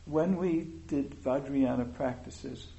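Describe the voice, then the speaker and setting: Slow gravelly-voiced man teaching meditation. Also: medium pitch, mellow, low-quality recording. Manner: slow, thoughtful, with many pauses and fillers. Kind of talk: informal dharma talk.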